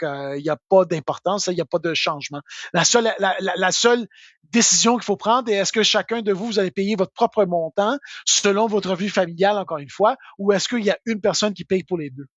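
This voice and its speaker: A man's voice: high voice, no room sound, lo-fi sound. A man with a Québécois French accent answering tax questions live, informal and full of fillers.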